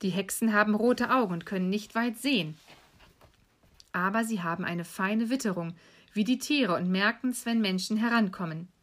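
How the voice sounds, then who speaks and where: A woman calmly and evenly reading a fairy tale aloud as a storyteller. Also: medium pitch, moderate pace.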